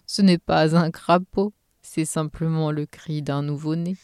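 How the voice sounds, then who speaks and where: A woman voicing a kindly old Santa Claus in a storybook tale, speaking slowly and soothingly. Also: low voice, steady tone, a little mellow, smooth, dry recording, studio quality. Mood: gentle. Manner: slow, soothing.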